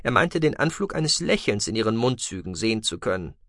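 A man's voice: lowish voice, dry recording. Man narrating a sci-fi audiobook, dry. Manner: steady, measured storytelling.

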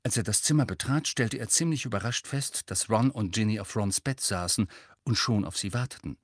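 A man narrating an audiobook in a steady, even reading voice. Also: on the low side, fairly quick, no room sound, clean studio sound. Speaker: audiobook reader. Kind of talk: scripted narration.

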